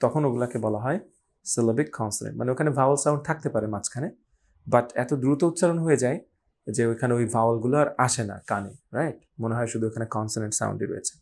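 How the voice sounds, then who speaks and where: A man giving a pronunciation lesson in a conversational way. He often checks in with "right?" and slows down to model example words. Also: mid-range voice, vocal fry, a little mellow. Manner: conversational, frequent "right?" check-ins and filler "ah"; mixes English words into his talk. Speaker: English pronunciation teacher. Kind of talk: explanatory online lesson.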